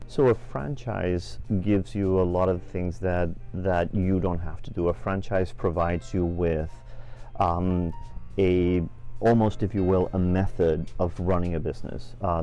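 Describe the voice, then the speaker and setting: A middle-aged Venezuelan man who owns a franchise business answers interview questions in a measured way. His voice is low and warm, and his speech has many fillers and restarts.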